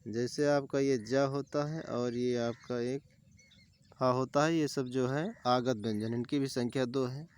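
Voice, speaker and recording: Male tutor, exam-prep grammar class, clear smooth voice, repeats terms and lists examples. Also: mid-range voice, steady tone, a little slow, darkish tone. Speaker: teacher.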